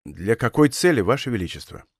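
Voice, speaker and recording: A man reading a bold, calm musketeer captain in an audiobook, speaking with dry irony. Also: medium pitch, a little fast, slightly rough, no room sound, voice pushed down.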